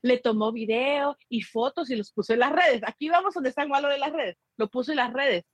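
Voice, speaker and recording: Woman, high voice, casual chat, animated storyteller, mimics relatives, dry close sound. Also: fairly quick, no echo, highs cut off. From Guatemala. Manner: mixes in English phrases.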